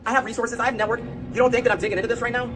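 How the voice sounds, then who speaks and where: A man ranting indignantly in a video commentary, played back sped up so his voice sounds high and chipmunk-like. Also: little pitch movement, rapid-fire, noisy background. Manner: indignant, emphatic. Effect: sped-up playback, high chipmunk-like pitch. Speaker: crypto influencer.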